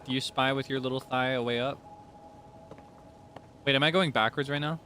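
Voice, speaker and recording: A male VTuber livestreams a game, chatting casually and playfully with viewers while game music plays behind him. His mid-range voice has fairly even intonation, a moderate pace and a sharp tone, with slight background noise.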